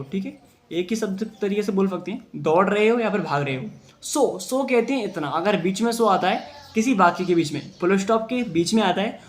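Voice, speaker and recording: High-voiced man teaching English word by word. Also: a bit bright. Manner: translates word by word, answers his own questions with "ok sir"; reads English sentences very slowly and deliberately. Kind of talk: Hindi-medium English reading lesson.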